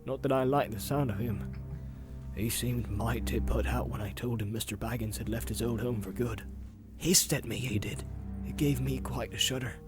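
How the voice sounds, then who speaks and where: A man voicing an elderly male hobbit gardener, talking slowly in a gruff, homely way. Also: mid-range voice, fairly even intonation, over music, natural voice. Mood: uneasy.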